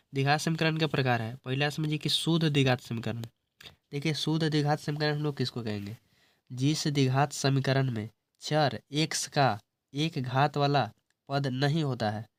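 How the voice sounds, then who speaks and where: A man gives an exam-prep maths lesson in a middle-pitched voice. He explains in small repeated steps and keeps coaxing the listener along. The sound is dry and close, with no room around it. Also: dry recording. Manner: repetitive explaining, often says "see" and "understand". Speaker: teacher.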